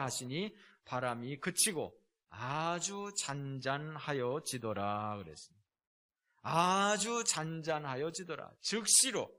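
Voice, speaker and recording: Korean pastor guy giving a sermon, high voice, swings up and down a lot, acts out the quotes. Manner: animated preaching, acts out quoted lines in shifting tones.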